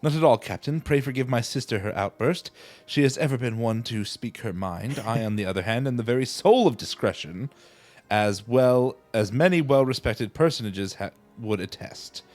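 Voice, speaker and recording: A man's voice: medium pitch, moderate pace, faint music behind, lightly acted. A man voicing a young male scholar, formal and pompous, with stiff old-fashioned phrasing while reading game dialogue aloud. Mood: haughty.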